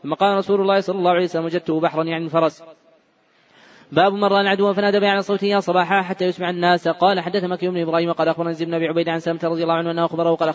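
A hadith reader rushes through his recitation in a big mosque, restarting any word he stumbles on. His pitch sits fairly high, and the audio sounds dull.

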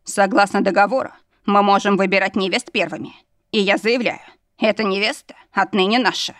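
A woman voicing an arrogant male demon lord who talks gruffly, commanding and smirking. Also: mid-range voice, steady tone, fairly quick, fairly bright tone, no echo, clean studio sound, lightly acted.

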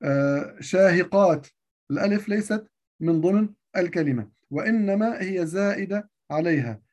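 Guy teaching grammar, slightly high but mellow voice, says everything twice, asks himself questions. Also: expressive, moderate pace. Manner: repeats each point and asks himself rhetorical questions. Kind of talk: classroom grammar lesson.

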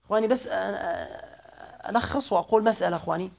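A man teaching a grammar class, talking at a fast clip. He recites lines of verse in a measured way, then unpacks them and calls on students to answer. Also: sits high, gravelly.

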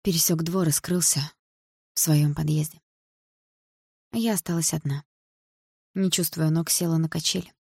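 A woman reading a first-person novel aloud in a quiet, measured way. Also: low-pitched, steady tone, creaky, breathy edge, no room sound, studio quality. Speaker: audiobook narrator.

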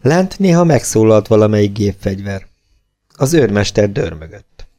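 A man narrating an audiobook in a steady, measured reading voice. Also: fairly low pitch.

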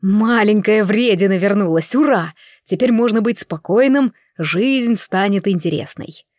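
A woman's voice: medium pitch, expressive, unhurried, darkish tone, dry recording, studio quality, close to an everyday voice. A woman reading the lines of a playful, mocking young nobleman in a story. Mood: teasing. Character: teasing charming young nobleman.

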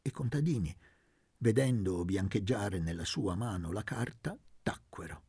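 A man reads a literary novel aloud with a lively, expressive delivery. His low voice is husky and gravelly, recorded close in a dry room. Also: unhurried, no room sound. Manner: dramatic, expressive reading. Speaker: audiobook reader. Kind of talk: literary audiobook narration.

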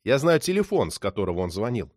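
A man voicing a hot-tempered police detective who shouts, swears and threatens. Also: fairly low pitch, big pitch swings, fast talker, dry recording, clean studio sound. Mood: agitated.

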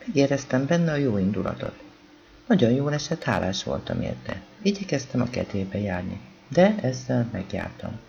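A man with a gravelly voice reading a novel aloud as an audiobook narrator, calm and even, voicing the dialogue quietly. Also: mid-range voice, lo-fi sound, slight background noise. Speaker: audiobook reader.

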